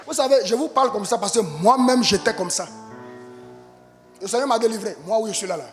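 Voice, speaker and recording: High-voiced man preaching a fiery sermon. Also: a little fast, in a large hall, faint music behind. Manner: impassioned preaching, rising to shouts. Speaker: pastor. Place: church.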